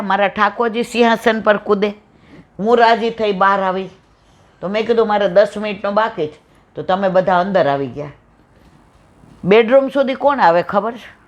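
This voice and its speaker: Saurashtra-accented woman telling devotional stories. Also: mid-range voice. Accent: Saurashtra Gujarati. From Saurashtra, Gujarat. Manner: animated storyteller, acts out dialogue, affectionate devotional tone. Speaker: satsang speaker. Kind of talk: devotional storytelling talk. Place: home room with visiting devotees. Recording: dull lo-fi recording.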